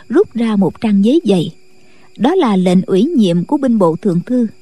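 A woman narrating a martial-arts novel in a steady, scripted late-night storytelling style. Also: on the high side, dry recording. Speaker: audiobook narrator.

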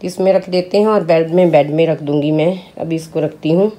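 Her low, mellow voice is brisk, with fairly even intonation and a little hiss or hum in the recording. A mother in her thirties with a sore throat, she shoots a casual vlog at home on a handheld phone, moving through the kitchen and rooms. She chats away, treating viewers as friends.

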